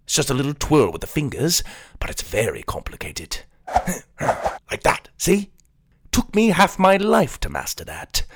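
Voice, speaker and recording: A man voicing an excitable young knight leader in a children's audio drama, who rallies his friends with shouted commands. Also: a little high, measured pace, voice pushed down, heavily acted. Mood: proud.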